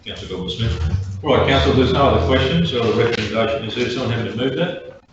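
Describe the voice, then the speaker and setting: A man's voice: medium pitch, animated, fast, music in the background. An Australian man, the mayor, chairing a council meeting in a formal, procedural manner with fillers. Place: council chamber. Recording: echoey, distant, dull, noisy room recording.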